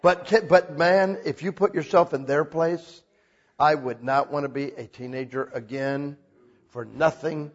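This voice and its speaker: A man preaching a sermon in a church hall, animated and casual, mixing jokes into his message. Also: on the high side, a little slow, lo-fi sound. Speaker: pastor.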